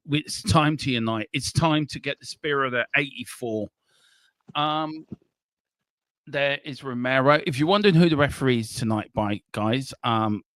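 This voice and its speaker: Man, watchalong host, eager chatty delivery, mid pitch, dry close mic. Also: no room sound. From Ireland. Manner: animated, eager, chatty with frequent ums. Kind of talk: excited live football watchalong commentary. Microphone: earpiece headset on a live stream.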